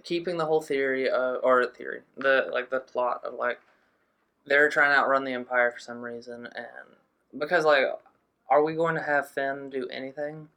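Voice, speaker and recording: A man's voice: mid-range voice, moderate pace. A young man chatting animatedly with friends, filling his sentences with "like". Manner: animated, says like often. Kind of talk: casual group chat.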